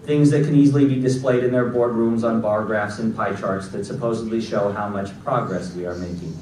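A man in his forties gives a graduation keynote from a podium in a large auditorium. His voice sits a little low, and his delivery is measured and deliberate, read from a prepared text. The recording is strongly echoey and picked up from far back in the hall, with faint room noise. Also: steady tone, darkish tone. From Los Angeles, United States. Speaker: keynote speaker. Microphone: podium mic, recorded by a far audience camera.

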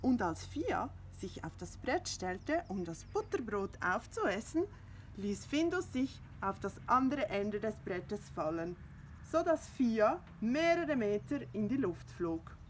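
Slow expressive woman reading a storybook. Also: mid-range voice, a little hiss or hum. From Switzerland. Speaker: kindergarten teacher. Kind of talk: reading a children's storybook aloud.

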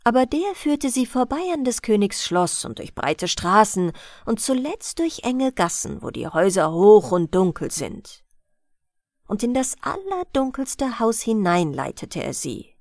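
A woman narrating a fairy-tale audiobook for falling asleep, in a gentle, soothing storytelling manner. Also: medium pitch, sing-song, unhurried, no echo, studio quality.

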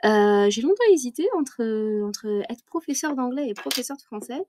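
A woman's voice: on the high side, animated, moderate pace, a little mellow, dry recording. A woman who teaches French, chatting in a casual vlog, tired at the end of her day, self-mocking, with many fillers and laughs. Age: adult career changer.

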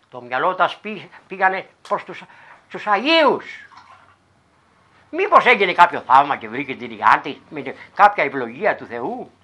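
Μια γυναίκα από τη Ρόδο με ροδίτικη προφορά αφηγείται παραδοσιακό παραμύθι με ομοιοκαταληξίες και δραματικές εναλλαγές έντασης. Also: female voice, fairly low pitch, sharp tone. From Laerma, Rhodes. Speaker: folk storyteller. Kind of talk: traditional folk tale telling.

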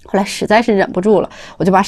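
A middle-aged woman gives a spoken testimony in a brisk, lively storytelling manner. She voices the back-and-forth of conversations as she tells them. Her pitch sits in an ordinary middle range. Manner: lively storytelling, acting out dialogue. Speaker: company head sharing study experience. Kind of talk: personal testimony talk.

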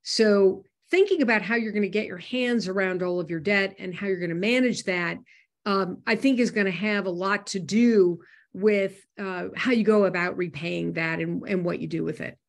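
A woman's voice: medium pitch, normal speed. A woman hosting a personal finance webinar, talking in a loose conversational way with frequent fillers and restarts. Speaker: host.

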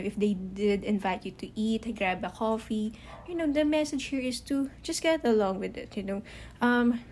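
A woman doing a casual tarot card reading to camera, talking haltingly with many fillers and restarted sentences. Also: medium pitch, a little mellow, slight background noise. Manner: halting, heavy use of "you know" and "um" fillers; admits to stuttering, restarts sentences. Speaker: tarot reader.

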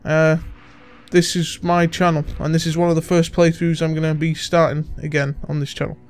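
A man's voice: a little high, level tone, moderate pace, faint music behind. A young man hosting a casual let's play, talking in a chatty way with plenty of fillers. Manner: chatty, filler-heavy, self-deprecating. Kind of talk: casual gaming commentary.

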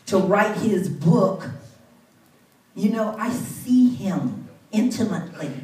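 An older woman minister giving a heartfelt testimony at a church pulpit on a handheld mic, earnest and rising into fervent bursts. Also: medium pitch. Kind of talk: testimony speech. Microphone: handheld mic, far camera. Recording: roomy church sound from far off.

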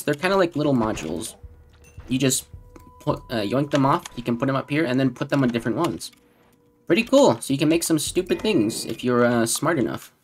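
Man, gameplay commentary, deadpan, sarcastic-sounding, lively pitch, faint background noise. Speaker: gaming channel host.

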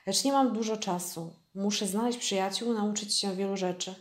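A woman's voice: mid-range voice, steady tone, normal speed, lightly acted. A woman reading as an earnest little prince. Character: earnest curious little prince, boy, small. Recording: echoey room.

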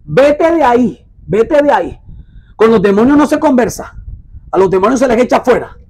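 A man with a very high voice preaches a sermon. He reads scripture aloud and tells his listeners to mark it in their Bibles. He repeats phrases emphatically and slows down to stress words. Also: sing-song, darkish tone, breathy edge, poor audio.

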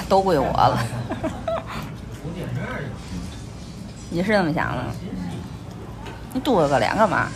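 A woman with a Tianjin accent chatting casually over a meal as a food vlogger, commenting on each bite. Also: medium pitch. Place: small busy restaurant, indoors. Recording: clattery, noisy small restaurant.

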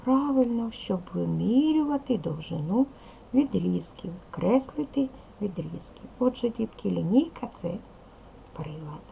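A woman teacher giving a video lesson to young children, speaking slowly and clearly, asking them questions patiently. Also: medium pitch, animated, warm tone, slight background noise, poor audio. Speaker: primary school teacher.

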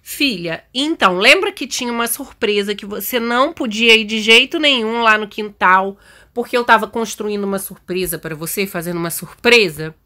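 A Brazilian woman with a Brazilian Portuguese accent runs a gaming channel, role-playing a mom in a game while chatting casually and speaking straight to her viewers. Her medium-pitched voice is bright and pushed, at a moderate pace.

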